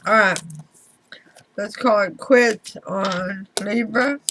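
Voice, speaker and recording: A woman giving a tarot reading to viewers in deliberate short phrases, her speech slightly slurred as if from a swollen mouth. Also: medium pitch, noisy background. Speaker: tarot reader.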